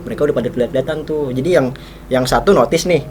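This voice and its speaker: A man's voice: mid-range voice, fast, noisy background. A man telling a ghost story in casual chat, rambling with many restarts. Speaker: podcast co-host telling a story.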